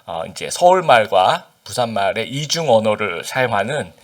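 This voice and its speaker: Speaking standard Seoul Korean with a faint Busan accent underneath, a male pastor from Busan delivers a casual sermon, using fillers and questioning his congregation. His voice is on the low side, sing-song, at a moderate pace.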